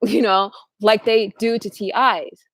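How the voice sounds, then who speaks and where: A woman's voice: mid-range voice, fairly even intonation, measured pace, no echo. A woman hosting her own channel, talking in a rambling, casual monologue, often restarting sentences and acting out what other people say. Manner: rambling, restarts often, acts out quoted voices. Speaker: channel host.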